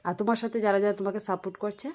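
A woman's voice: medium pitch, fairly even intonation, very fast, darkish tone. A woman with a Bengali accent giving a vlog commentary, lecturing and scolding another creator with rhetorical questions. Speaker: vlogger.

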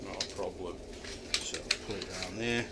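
A middle-aged man from Yorkshire, speaking in a low, steady voice at normal speed, ponders a camping chair in his kitchen with many hesitant ums. The camera sits a few feet away, and background noise is heavy.

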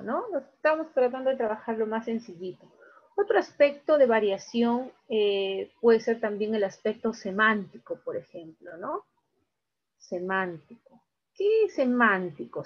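A woman's voice: on the high side, muffled recording. A woman teaching a recorded class, explaining step by step and checking in often with her students. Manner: slow, explains step by step with frequent check-ins.

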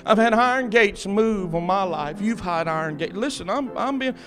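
A man's voice: high-pitched, expressive, moderate pace, a bit bright, soft background music. A man preaching a fervent, emphatic sermon and calling out to his congregation.

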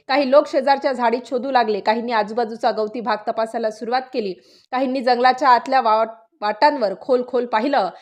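A woman narrating a scripted news story in a suspenseful, dramatic style with short clipped phrases. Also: on the high side.

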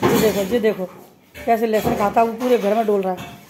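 A woman's voice: mid-range voice, steady tone, brisk, very noisy. A woman filming at home, talking to her pet parrot in playful, coaxing baby-talk and teasing scolds. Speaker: pet vlogger.

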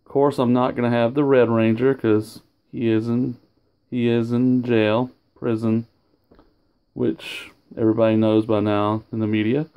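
His voice is mid-range, dark and clean, level in tone and measured in pace. In this casual home show-and-tell, a man shows off his autograph collection over a sofa indoors, rambling and often losing his thread before correcting himself.

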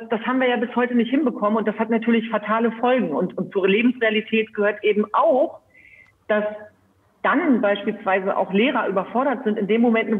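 A man speaking earnestly and with measured fillers as a guest on a live online panel discussion over a video call. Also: sits high. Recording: tinny phone-like video call audio.

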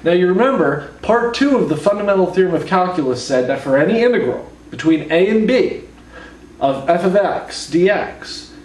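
A hungover young man gives a casual whiteboard lecture in a deadpan, slightly awkward manner. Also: high-pitched, moderate pace. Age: young adult. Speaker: calculus lecturer. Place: living room at home, indoors. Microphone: camera mic from a few feet away. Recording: roomy, distant mic, faint noise.

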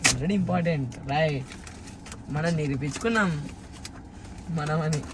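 A man's voice: a little high, normal speed, noisy background. A man joining an unboxing as a sidekick. He jokes and teases in casual banter. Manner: joking, teasing. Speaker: co-host friend.

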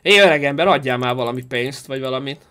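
A man's voice: mid-range voice, smooth. A man live-streaming a game in casual chat, joking and thanking viewers for donations. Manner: animated, jokey, reads and thanks donations.

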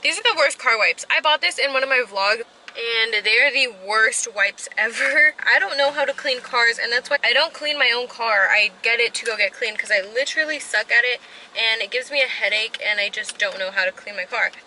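A woman's voice: on the high side, moderate pace, bright, forceful tone, slight background noise, low-quality recording. A young woman in her twenties chatting casually in a vlog, rambling and poking fun at herself, recorded inside a parked car on a dashboard camera. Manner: chatty, rambling, self-deprecating. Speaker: vlogger. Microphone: camera mounted on the dashboard.

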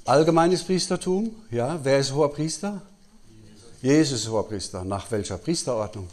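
A man with a mid-range, slightly mellow voice delivers a sermon-style Bible teaching in a conference hall, speaking at a moderate pace with lively intonation. He puts questions to his audience, answers them himself, and often tags on "ja?".

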